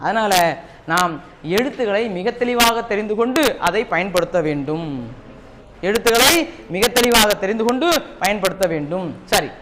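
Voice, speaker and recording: A man's voice: high-pitched, moderate pace. A man teaching a Tamil class with a Tamil Nadu accent, repeating key points and quizzing his students. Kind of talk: classroom lesson. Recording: noisy classroom recording.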